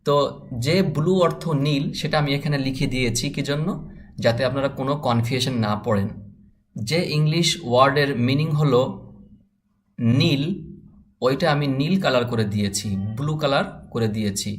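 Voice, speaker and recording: A man from Bangladesh teaching English phonics, spelling out letters slowly and then saying each word. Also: mid-range voice, faint music behind. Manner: slow, spells out letters then says words. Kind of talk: spoken phonics lesson.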